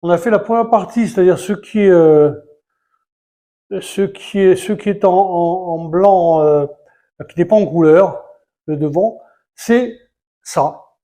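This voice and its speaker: A man narrates a model build as he works through it, in an unhurried, homely way. His voice sits a little high for a man. He stumbles often, fills gaps with hesitations, and counts pieces under his breath. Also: dark tone. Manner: hesitant, many fillers and restarts, counting pieces aloud. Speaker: Lego building vlogger. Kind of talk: casual live building commentary.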